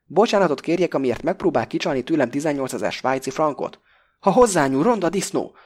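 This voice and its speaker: A man voicing an excitable middle-aged businessman in an audiobook, shrill and exclamatory. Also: lightly acted. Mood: furious. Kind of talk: audiobook character voice.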